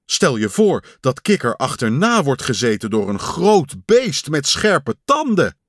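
A man voicing an anxious, caring male toad who frets and cries out loudly in a storybook reading. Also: medium pitch, big pitch swings, unhurried, no echo, clean studio sound. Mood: worried. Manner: fretful, rising to loud cries.

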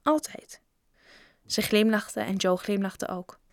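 A woman reading a children's storybook aloud in a lively, expressive way. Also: mid-range voice, normal speed, no room sound, clean studio sound. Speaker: narrator.

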